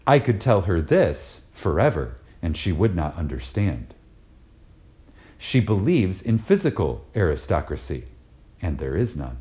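Reading a spiritual lecture aloud, a man uses a low-pitched, dark voice with big pitch swings. The style is reverent and dramatic, deliberate and emphatic, with effective pauses.

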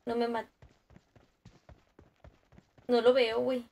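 A woman's voice: on the high side, little pitch movement, slow, gravelly, darkish tone. A young woman with a Mexican Spanish accent chatting casually with viewers while she plays, slangy and profane, greeting people by name. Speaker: gaming streamer. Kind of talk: casual livestream chat while playing.

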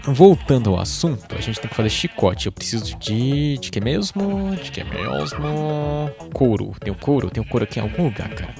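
A man's voice: lowish voice, expressive, quick pace, few pauses. A young man hosting live gameplay commentary, jumpy and easily startled, often crying out in alarm and chatting to the animals and to himself. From Brazil. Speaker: gaming channel host. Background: game music and sheep bleats.

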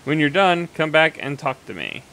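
A man's voice: on the high side, sing-song, normal speed, gravelly, sharp tone, heavily acted, poor audio. Man reading out a scheming old man's orders. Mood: commanding. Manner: reading a note aloud in a slightly raised voice.

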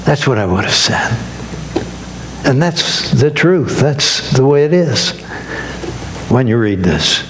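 An older man giving a sermon as guest minister, preaching slowly and emphatically with lifted, rising phrases. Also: mid-range voice, lively intonation, fairly bright tone, slight background noise.

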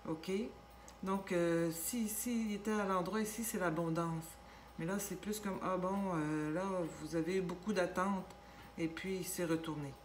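A woman with a Québécois accent giving a casual tarot reading, gentle and reassuring, with many fillers and restarts. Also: fairly low pitch, steady tone, a little slow. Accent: Québécois French. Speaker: tarot reader. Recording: echoey room with faint background noise.

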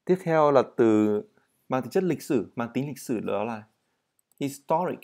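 Man, english teacher, drills words slowly, explains fast. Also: medium pitch, animated, a little mellow. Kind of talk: vocabulary and pronunciation lesson.

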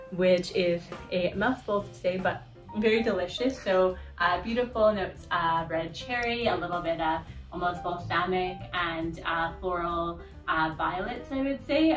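Relaxed young woman sommelier explaining wines. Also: fairly low pitch. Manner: relaxed, friendly explanation with fillers. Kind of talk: wine pairing presentation. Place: indoor dining room. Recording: roomy, distant with faint music.

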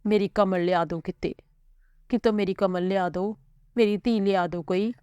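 A woman voicing a grieving older mother from a village who recounts her loss slowly and tearfully. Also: medium pitch, fairly even intonation, a little mellow, clear, resonant tone, no echo, lightly acted. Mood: wailing. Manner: tearful, slow storytelling.

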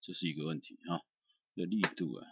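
A man giving a loose, chatty software tutorial, filled with "ah" and "hao" fillers. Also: deep voice, brisk, dull audio, background noise. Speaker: music software instructor. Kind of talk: screen-recorded software tutorial.

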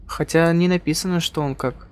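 A man's voice: a little high, steady tone, a little fast, clear, resonant tone. A man hosting a gaming channel with casual let's-play commentary, musing aloud and joking.

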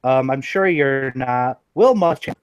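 A man's voice: medium pitch, unhurried, clean tone, no room sound, studio quality. A young man co-hosting a casual sports chat, chatty and teasing, often restarting his sentences. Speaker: co-host.

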